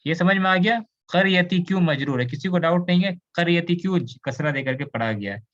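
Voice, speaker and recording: A man's voice: high-pitched, a little fast, a bit bright, highs cut off. Indian man teaching Arabic grammar. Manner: explains patiently, mixes in English, asks students questions. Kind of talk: online class lecture.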